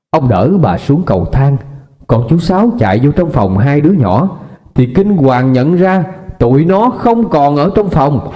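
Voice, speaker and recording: Man narrating a suspenseful ghost story. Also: medium pitch. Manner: dramatic, suspenseful. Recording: dull lo-fi with faint music.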